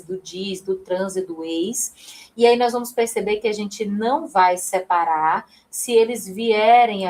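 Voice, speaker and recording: A young adult woman with a Brazilian Portuguese accent teaching a live online class, chatty and calling on students by name. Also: medium pitch. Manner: chatty, reads chat, addresses students by name.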